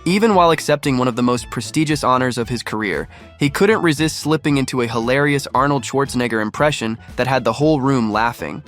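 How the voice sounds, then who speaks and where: A man's voice: medium pitch, quick pace, hardly any pauses, a bit bright, faint music behind. A man giving scripted, upbeat narration for a compilation of comedy clips.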